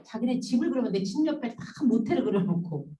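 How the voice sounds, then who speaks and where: A woman counselor giving a storytelling lecture, animated and acting out the voices she quotes. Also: a little high, fast. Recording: roomy sound from a distance.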